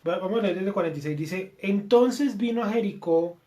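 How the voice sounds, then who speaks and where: A woman with a Colombian accent, a participant in a Bible class, reading scripture aloud quickly and calling out the verse numbers. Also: mid-range voice, dark tone. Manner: reads quickly and plainly, announcing verse numbers.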